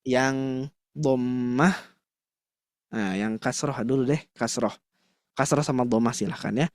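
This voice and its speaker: A man teaching Quran reading in an online class, demonstrating mouth shapes and chanting syllables in a casual, lively way. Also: medium pitch, slow, no room sound, studio quality. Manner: addresses the mothers in class warmly and casually.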